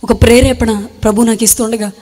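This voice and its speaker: Young woman, kinda high voice, earnest halting testimony, long echo like a big hall. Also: fairly even intonation, mellow. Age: young adult. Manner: earnest, halting retelling in short phrases. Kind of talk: emotional spoken testimony.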